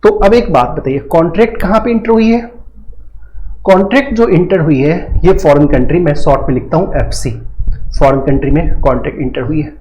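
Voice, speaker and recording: A man teaching a law class. He reads the legal text slowly, repeats each point and puts questions to his students. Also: fairly high pitch, darkish tone, a little hiss or hum, rough recording. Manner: reads legal text slowly in English, then explains in Hindi. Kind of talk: recorded law lecture.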